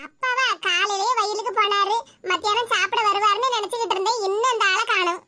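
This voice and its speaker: A woman's voice: extremely high pitch, fairly even intonation, fast talker, bright, forceful tone, no room sound, clean studio sound. A woman voicing a fussing, scolding village mother in a cartoon, with a Tirunelveli Tamil accent. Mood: grumbling. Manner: scolding, grumbling. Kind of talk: cartoon voice acting.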